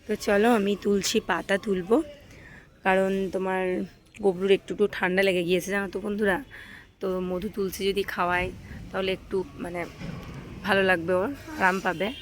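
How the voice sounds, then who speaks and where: A homely, chatty woman talks straight to her viewers in a casual home vlog. Her pitch sits mid-range, and she keeps the talk flowing with easy fillers. She records on a phone held at arm's length, with faint household noise behind her. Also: flat delivery, brisk, long pauses. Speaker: vlogger and mother. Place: home and rooftop, partly outdoors.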